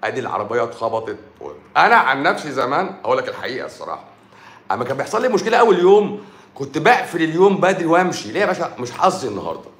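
Egyptian male doctor, rapid mocking livestream rant, echoey room sound. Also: medium pitch, big pitch swings, a bit bright. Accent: Egyptian Arabic. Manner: sarcastic, mocking, scolding. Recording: roomy echo.

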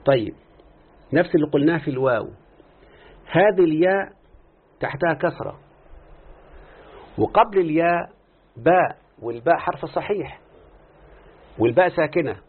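A man's voice: fairly high pitch, expressive, normal speed, pauses often, slightly rough. A man with an Egyptian accent teaching a grammar lesson, questioning his students as he explains. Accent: Egyptian Arabic. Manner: questioning students, drawing out answers. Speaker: teacher of Arabic morphology. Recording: tinny phone-like recording.

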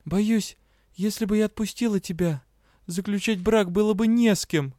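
A man's voice: high voice, expressive, mellow, no room sound, clean studio sound, pitched above the performer's own voice. A man voicing a defiant young sorceress. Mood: sharp. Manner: defiant, quick retorts. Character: spirited young woman, sharp-tongued student sorceress. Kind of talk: audiobook character voice.

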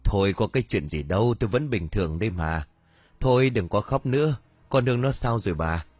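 A calm middle-aged husband reassures his wife, voiced by a male narrator. His voice is somewhat husky, and the sound is dry. It is an audiobook story reading. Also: lowish voice, a little fast, dry recording.

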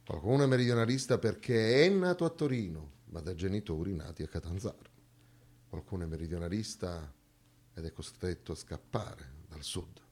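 A stage actor delivers a dramatic theatre monologue with emphatic, declamatory force, leaning on rhetorical repetition. His voice is deep, expressive and a little rough, with a darkish tone, and he speaks at a normal speed.

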